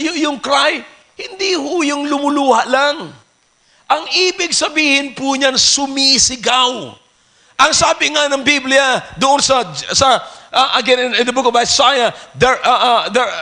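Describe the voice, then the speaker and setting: A male pastor preaching a fiery sermon, switching between Tagalog and English and shouting out Bible phrases. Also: very high-pitched, a little slow. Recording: old church recording.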